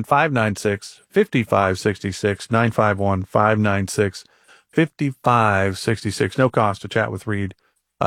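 A man hosting a radio talk show, asking his guest upbeat rapid questions and reading out a phone number. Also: medium pitch, dry recording, studio quality.

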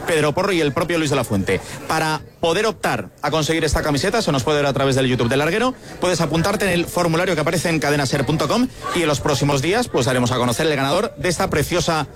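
Quick-talking radio co-host giveaway pitch. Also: male voice, lively intonation. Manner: promotional, listing names. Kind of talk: on-air announcement.

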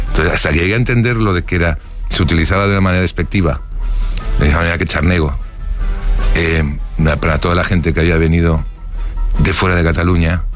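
This middle-aged man from Barcelona has a deep, low voice. He recounts his past in an interview, pausing often on fillers and restarting his sentences. Faint music plays under him. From Barcelona, Spain. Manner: hesitant, many fillers and restarts, chuckles while telling. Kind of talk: recounting life stories.

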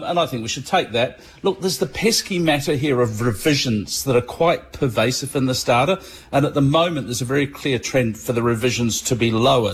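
A man from Manchester talks through the markets as a guest on a radio show. His voice is somewhat husky and sits in a medium pitch, and he speaks in a conversational, hedging way, filling gaps with ums. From Manchester, England. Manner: conversational, hedging, many fillers. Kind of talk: radio interview commentary.

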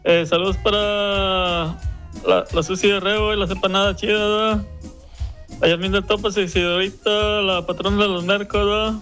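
Brief: male caller, high-pitched, rambling shout-outs, music faint behind. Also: flat delivery, moderate pace. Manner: casual, rambling, many fillers. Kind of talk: voice message sending shout-outs.

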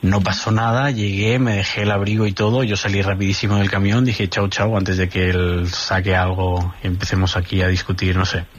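Low-voiced man on dull radio. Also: a little fast, hardly any pauses. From Barcelona, Spain. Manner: relaxed storytelling with restarts. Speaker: guest, nurse and traveler. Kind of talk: casual radio interview.

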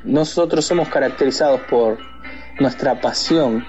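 A man's voice: medium pitch, a little slow, a little mellow, soft background music. Hesitant Argentine man, muffled line. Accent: Argentine Spanish. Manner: hesitant, many filler "eh"s and restarts. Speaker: guest. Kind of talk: casual interview talk.

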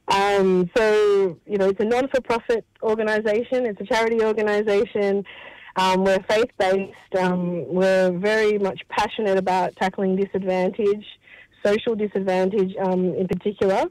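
A woman's voice: medium pitch, darkish tone, no room sound, poor audio. Woman, 40s, radio interview guest on the phone, dry and chatty. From born in Mauritius, raised in Australia. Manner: chatty, with frequent ums and restarts. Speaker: charity representative guest. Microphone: telephone.

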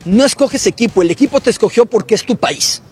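Husky, very high-voiced pundit. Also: male voice, lively intonation, brisk, darkish tone, soft background music. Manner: reasoned, explanatory. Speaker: sports journalist. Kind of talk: casual panel chat.

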